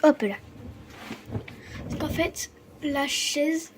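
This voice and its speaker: High-voiced woman who stutters. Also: noisy background. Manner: stutters, restarts words often; halting, apologetic. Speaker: vlogger showing her gifts. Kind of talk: casual unboxing chat to camera.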